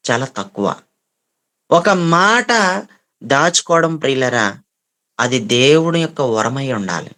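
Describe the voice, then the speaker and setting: A man's voice: fairly high pitch, fairly bright tone. A man preaching a sermon with passion, asking rhetorical questions and repeating his phrases for emphasis.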